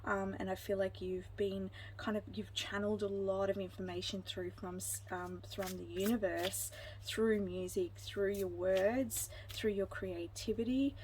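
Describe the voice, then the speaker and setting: Speaking in a steady tone and a little slowly, a woman offers her viewers an intuitive pick-a-card tarot reading in a gentle, reassuring manner, her pitch in the middle of the female range. Her thoughts wander with many ums and restarts, and the rough recording has a faint background hiss.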